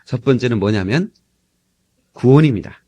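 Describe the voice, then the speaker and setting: A man from Korea preaching a sermon as pastor, lively and humorous with frequent asides to the congregation, recorded on an old cassette tape. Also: mid-range voice, normal speed.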